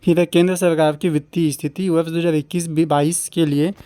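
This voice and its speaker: Male exam tutor, slightly high warm voice, drills facts with questions. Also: flat delivery, brisk, clean tone. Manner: addresses students as friends, repeats key facts, asks and answers questions. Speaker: exam coaching teacher. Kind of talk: exam prep lecture.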